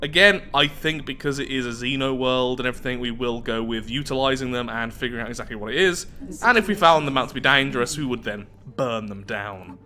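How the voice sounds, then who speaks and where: The host of a game playthrough series delivers chatty commentary, musing aloud and poking fun at himself as he alternates between his own thoughts and reading the story text. His mid-range voice is brisk, bright, and forceful.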